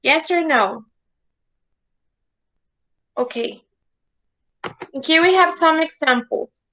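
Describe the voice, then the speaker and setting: A woman's voice: high voice, slow, sharp tone, low-quality recording. A woman teaching an English lesson in an online class, patient and repetitive, checking in with "okay?" again and again. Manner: patient, repeats words and asks "okay?" often.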